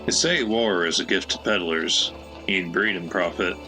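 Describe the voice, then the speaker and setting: A man's voice: low voice, moderate pace, sharp tone, faint music behind, rough recording. A man voicing a chatty, folksy old male peddler with a put-on American Southwestern drawl, reading game dialogue in character.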